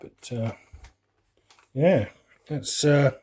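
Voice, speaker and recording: Drawing out his words, a man in his forties from West London reminisces casually and rambles as he unboxes for his hobby vlog. He has a London English accent and a mid-range voice that's darkish and slightly rough.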